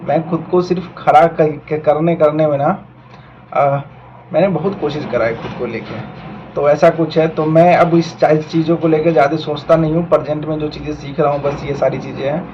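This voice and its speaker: A man's voice: on the high side, fairly even intonation, moderate pace, lo-fi sound, a little hiss or hum. A young man in his twenties from India, talking earnestly and reflectively to camera and mixing in English words. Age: 20s. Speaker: vlogger and aspiring doctor. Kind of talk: casual talk to camera.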